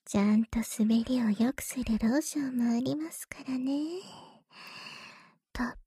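A woman's voice: sits high, measured pace, mellow, breathy edge, no echo, clean studio sound, exaggerated voice. A woman voicing a doting young masseuse who tends to a hero, whispering breathily with a sweet, attentive, teasing manner. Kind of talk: whispered ASMR roleplay.

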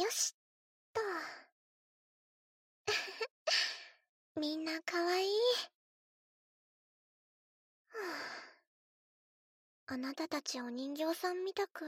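A woman's voice: extremely high pitch, expressive, drawn-out words, long pauses, no room sound, studio quality, full character voice. A woman voicing a lonely, bullied schoolgirl who talks to her dolls, in a childlike, plaintive way. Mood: sweet, doting. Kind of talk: solo voice drama.

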